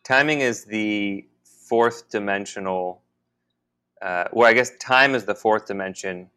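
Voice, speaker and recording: A man co-hosting a podcast, talking in a halting, musing way with many restarts. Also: lowish voice, bright, forceful tone, smooth. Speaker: podcast co-host. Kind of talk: casual spiritual conversation.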